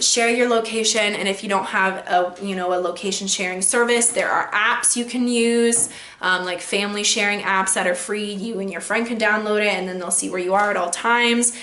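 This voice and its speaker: A woman's voice: mid-range voice, a bit bright. Young woman, casual vlog advice, rambling, filler-heavy, echoey room. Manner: chatty, rambling, many fillers. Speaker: vlogger.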